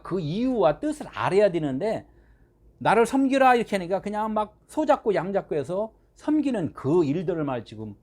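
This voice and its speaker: A man preaching a sermon in a lively, conversational way, his pitch riding fairly high and leaping up and down. He throws out rhetorical questions to his listeners and shifts between loud emphasis and quiet asides. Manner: animated, swings between loud and soft. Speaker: pastor.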